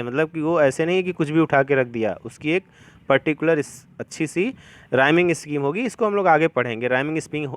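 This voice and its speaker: A man with a somewhat high voice teaches a lesson, patient and repetitive in his explaining. He reads definitions out slowly before going over them again. The sound is dry and close. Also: dry recording. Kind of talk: classroom lesson.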